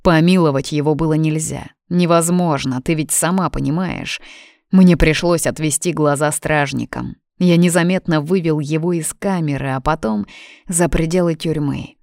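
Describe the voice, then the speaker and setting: A woman's voice: sits low, normal speed, no room sound, studio quality. A woman reading as a weary, tormented young king. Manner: quiet, restrained, heavy.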